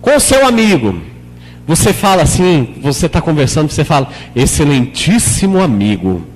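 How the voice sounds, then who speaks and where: In a large church hall, a man preaches as a pastor with a sing-song, slightly fast delivery, talking conversationally and often questioning the congregation. When he acts out prayers, his voice drops lower and softer. The recording is low quality, with slight background noise.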